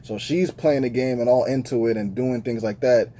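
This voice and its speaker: A man's voice: medium pitch, normal speed, mellow, slight background noise. A man giving a casual, slang-filled movie review with lots of fillers, talking straight to his viewers. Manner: laid-back slangy talk, many fillers.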